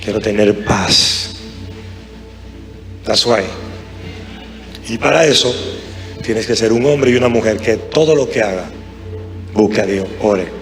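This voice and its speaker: A man's voice: lowish voice, measured pace, pauses often, a bit bright. Impassioned male preacher over music. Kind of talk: live sermon. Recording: sermon with music behind.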